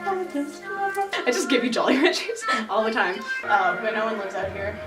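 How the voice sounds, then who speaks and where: A woman's voice: a little high, unhurried, distant mic. A young woman chatting and joking with a friend, giggling often and breaking into silly song. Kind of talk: casual joking chat with sung parody. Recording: roomy echo, off-mic, loud music behind.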